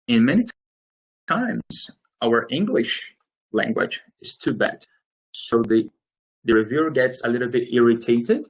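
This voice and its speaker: A Brazilian man in his late thirties, speaking with a Brazilian Portuguese accent, presents webinar slides in a semi-scripted, instructional way. His mid-range voice has a breathy edge, his phrasing is hesitant, and the audio quality is poor.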